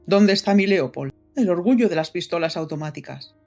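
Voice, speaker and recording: A woman's voice: fairly low pitch, expressive, darkish tone, faint music behind. A woman voicing a young man who has just come round after a fight, hesitant but breezy. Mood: dazed. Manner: hesitant, then brisk and breezy. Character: shaken young man, dazed but cheerful.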